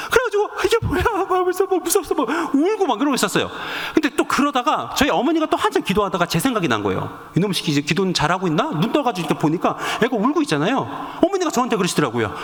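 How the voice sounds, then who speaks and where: Animated Korean preacher in a reverberant hall. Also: male voice, extremely high pitch. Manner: animated storytelling, acting out cries and prayers. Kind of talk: sermon with personal storytelling. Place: church sanctuary.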